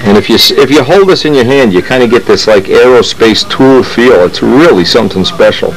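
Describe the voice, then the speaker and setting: A man's voice: medium pitch, lively intonation, a little fast, low-quality recording. A man hosting a model airplane channel who talks casually and rambles through his workshop while showing parts, often stopping to restart his sentences. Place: home workshop.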